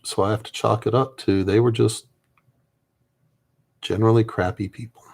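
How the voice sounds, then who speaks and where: This miniature painter, an army veteran, has a lowish, gravelly voice with fairly even intonation and a moderate pace. Soft-spoken and reflective, he rambles casually while painting and now and then lets sentences trail away.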